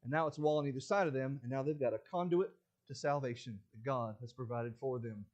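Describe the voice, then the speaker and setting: A man preaching a sermon in a church, dramatic, shifting from loud rising challenges to low hushed lines and firing rhetorical questions at the congregation. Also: quick pace, dull audio.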